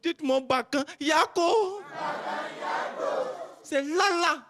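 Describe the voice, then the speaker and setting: A man telling a comic story on stage as a stand-up contestant, animated and breaking into shouts. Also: very high voice, drawn-out words, a crowd in the background, background noise. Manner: animated, bursts into shouts and cries. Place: stage before a live audience.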